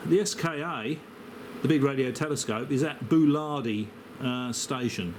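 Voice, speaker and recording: An amateur radio operator from Australia chats over noticeable background noise in a mid-pitched voice at a moderate pace. It's a casual radio contact, and he rambles along in a hesitant, matey manner.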